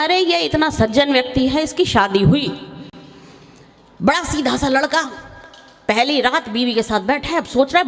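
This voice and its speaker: Performing in a large hall before a live crowd, a young poet with a high, somewhat bright voice spins chatty comic stories and occasionally sings verses. Faint noise and a long hall reverb are audible.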